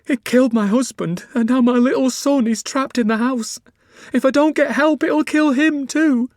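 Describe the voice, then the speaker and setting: A man reading aloud voices a desperate young farmer's wife, pitching his voice high and strained with grief. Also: normal speed, a little mellow, no room sound, studio quality. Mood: frantic, tearful.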